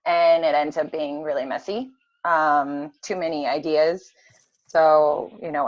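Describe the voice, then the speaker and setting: Woman, low voice, bad laggy connection, dull lo-fi video call sound, chatty. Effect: lagging bad internet connection. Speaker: student group member and note-taker. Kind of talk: casual group video call.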